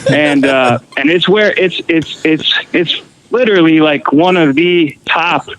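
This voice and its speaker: A man's voice: a little high, measured pace, crowd noise, rough recording. A man from Costa Rica, a guest musician, telling fishing and travel stories in casual chat with fillers and restarts. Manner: relaxed storytelling with fillers and restarts.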